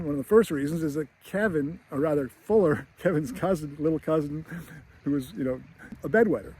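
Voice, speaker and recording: Chatty screenwriting teacher, husky, slightly high voice. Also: male voice, mellow. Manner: chatty, chuckling, retelling scenes. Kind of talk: casual film breakdown.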